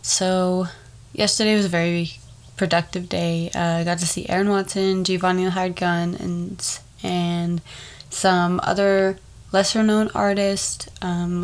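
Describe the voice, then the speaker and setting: A young woman with a wheezy, congested voice, chatting casually as a solo podcast host and drifting into rambling asides. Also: on the low side. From Texas, United States. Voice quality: wheezy, stuffed-up voice.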